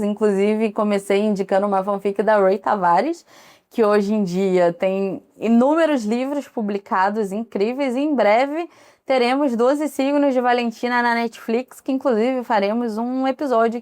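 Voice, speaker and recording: A woman's voice: mid-range voice, darkish tone. A Brazilian woman in her thirties hosting a casual solo podcast, chatty and digressive with frequent asides. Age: 30s. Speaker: podcast host.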